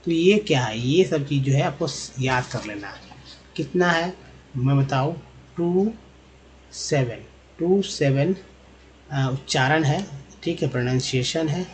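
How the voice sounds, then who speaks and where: A man gives a spoken English lesson in Hindi at a middle pitch. He says each example word several times, checks in with viewers and calls them friends. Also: a little hiss or hum. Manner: repeats example words slowly, often adds "है ना". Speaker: English teacher.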